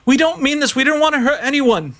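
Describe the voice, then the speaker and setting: Guy putting on a scared woman, voice jumps way up high, begging. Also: lively intonation, quick pace, fairly bright tone. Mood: pleading. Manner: high pleading cries. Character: panicked frightened woman caught in a standoff.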